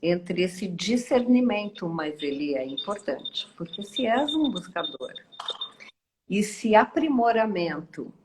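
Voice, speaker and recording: A woman hosts a reflective live online talk. She speaks slowly and unhurriedly at a middle pitch for a woman, musing aloud with frequent hesitations and tag questions. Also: very animated, noisy background. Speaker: host.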